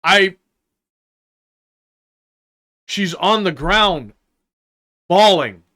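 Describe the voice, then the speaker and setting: An older man giving an unscripted, indignant opinion rant, halting and deliberate, with long pauses and emphatic repetition. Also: high-pitched, expressive, sharp tone. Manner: indignant, emphatic, repeating phrases. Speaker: vlogger giving his opinion.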